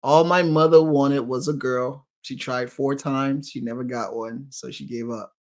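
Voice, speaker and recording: A man in his thirties from Cameroon, a guest in a casual interview chat, upbeat and quick to laugh. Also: mid-range voice, fairly even intonation. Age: 30s.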